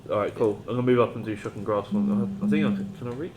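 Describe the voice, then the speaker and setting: A man's voice: lowish voice, racing, over a noisy crowd. A man playing a tabletop game, thinking aloud about his moves in casual chat. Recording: clearly noisy room, clicks.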